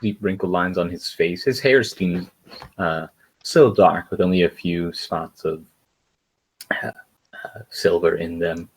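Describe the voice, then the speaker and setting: A man running a tabletop game as game master, narrating scenes with frequent pauses and fillers. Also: deep voice, husky, poor audio. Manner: hesitant, lots of fillers.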